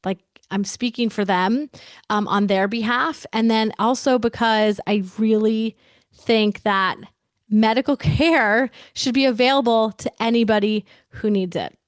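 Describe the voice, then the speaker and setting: Chatty and emphatic, a forties-aged American interviewee talks openly, frequently dropping "like" and starting her sentences over. She speaks a little slowly in a fairly high voice, captured in studio quality with no room sound.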